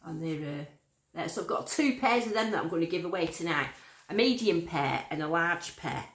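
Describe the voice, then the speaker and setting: A woman with a lowish, somewhat bright voice chats casually at a normal pace while reading viewer comments on her metal detecting stream. She's from Lancashire, her northern accent a little Yorkshire-sounding, and she's expressive in a roomy-sounding space.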